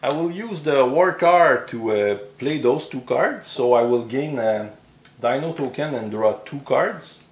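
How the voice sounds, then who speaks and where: A man's voice: medium pitch, animated, unhurried, echoey room, slight background noise. A man with a French accent, a game designer non-native in English, talking through a solo board game with many hesitant fillers as he counts cards aloud.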